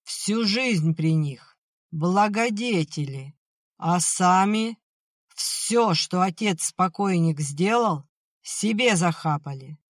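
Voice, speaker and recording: A drunken, bitter old peasant father, as the audiobook narrator puts him on, dragging his words out slowly and loudly in a dry, close recording. He rails and mutters with a heavy, slurred weight on every phrase. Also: medium pitch, dry recording, lightly acted. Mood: drunk, angry. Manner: shouting then maudlin, slurred. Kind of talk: audiobook acting.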